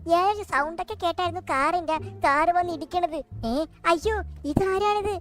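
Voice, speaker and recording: ഒരു സ്ത്രീ, ആവേശക്കാരനായ, കുസൃതിക്കാരനായ ഒരു കൊച്ചുകുട്ടിക്ക് ശബ്ദം നൽകുന്നു; വേഗത്തിലും ചടുലമായും സംസാരിക്കുന്നു. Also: female voice, very high voice, fairly bright tone. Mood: cheeky. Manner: rapid, chirpy. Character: cheeky excited little boy, eager fan.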